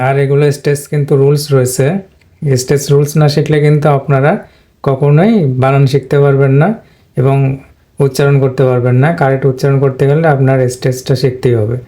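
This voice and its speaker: Speaking briskly, a man covers English pronunciation point by point in a plain whiteboard lesson that repeats itself. He has a dark, mellow, medium-pitched voice with very little pitch movement, and now and then he clears his throat.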